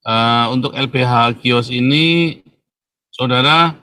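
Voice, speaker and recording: Taking his time, a man with a bright, forceful mid-range voice hosts an easygoing monologue. He's chatty and emphatic, says "saudara ya" over and over, and laughs at his own lines.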